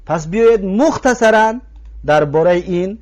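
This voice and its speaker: High-voiced man with a Tajik accent teaching. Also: expressive, a little mellow. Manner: patient, repeats words slowly to drill them; addresses listeners directly, asks if they follow. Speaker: Arabic language teacher. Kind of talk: recorded language lesson.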